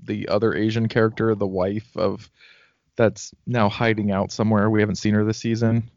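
A man chatting casually while watching a TV show, with quick questions and sarcastic commentary. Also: fairly low pitch, level tone, a little mellow, dry recording. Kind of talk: casual chat. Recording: dull lo-fi dry sound.

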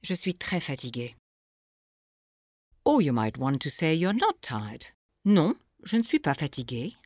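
A woman narrating a scripted audio language lesson, explaining phrases slowly and clearly for the listener to repeat. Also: low voice, very animated, darkish tone. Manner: slow, clear teaching delivery with pauses for repetition.

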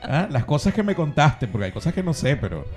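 A man co-hosts a loose live-stream, teasing and joking the whole way through. He talks quickly in a slightly high voice that swings a lot in pitch. Faint music plays behind him. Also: big pitch swings. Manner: teasing, jokey banter. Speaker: co-host. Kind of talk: casual live-stream chat.

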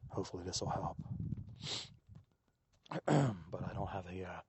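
A man hosting a podcast, musing aloud in a soft-spoken reflective monologue while walking a quiet wooded trail, captured on a handheld digital recorder without a windscreen. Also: low voice, expressive, unhurried, gravelly, a little hiss or hum. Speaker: podcast host. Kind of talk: reflective solo monologue on a walk. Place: outdoors on a quiet wooded trail in a state park.

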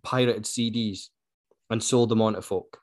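A man's voice: fairly low pitch, a little slow. A man with a Scottish accent telling anecdotes in a casual co-host chat, readily acting out what people said. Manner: animated retelling, acts out quoted speech. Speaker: book club podcast co-host.

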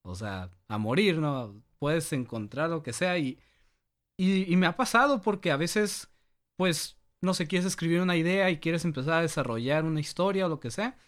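A man's voice: fairly high pitch, lively intonation, normal speed, a bit bright. A man with a Mexican accent chatting informally as a podcast co-host. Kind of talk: casual podcast chat.

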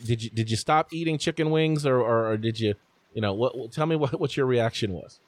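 Male podcast host, mid pitch, animated storyteller, dry close sound. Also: fairly quick, no echo. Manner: animated, talks through stories with restarts. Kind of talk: casual sports chat.

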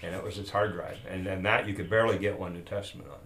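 Speaking rapid-fire in a low, fairly bright voice with mostly even intonation, this roughly 70-year-old podcast guest, born in Peru and raised in Bolivia, tells stories in a loose, casual chat. He rambles, losing threads mid-thought and restarting them. The sound is roomy, carrying faint noise.

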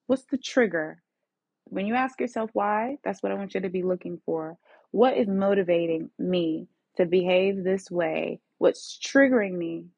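A woman's voice: medium pitch, darkish tone, breathy edge, no room sound, lo-fi sound. A woman therapist hosting a solo podcast, talking earnestly and coaching her listeners with many direct questions.

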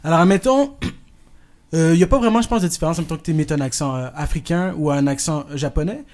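A man's voice: on the high side, a little fast, a little mellow, natural voice. A man playing a pompous male producer with a put-on Japanese accent, lecturing in a mock-formal way and stumbling over his words in a comic podcast bit.

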